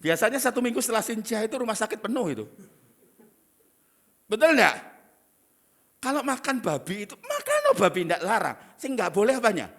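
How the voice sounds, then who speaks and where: A middle-aged man, preaching a sermon as pastor in a lively, teasing manner with asides. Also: high-pitched, brisk, vocal fry, pauses often.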